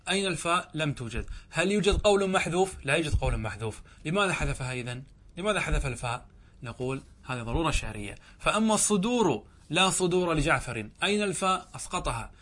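Guy giving a grammar class, a bit high-pitched, keeps asking "right?" then answering. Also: sharp tone. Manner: explanatory, asks and answers own questions. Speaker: sheikh teaching Arabic grammar. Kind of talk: classroom lesson commentary on a grammar text.

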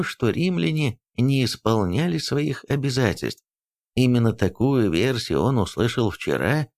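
A male audiobook narrator reads in a steady storytelling manner. His pitch sits in the middle and moves in lively, animated swings. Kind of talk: scripted narration.

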